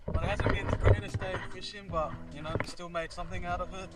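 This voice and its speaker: A man's voice: high-pitched, steady tone, fast talker. A man with an Australian accent chatting casually outdoors in laddish slang with some swearing, as a fishing vlogger on an action camera. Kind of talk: casual outdoor vlog chat. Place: outdoors by the water. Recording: outdoor action-camera audio, music behind.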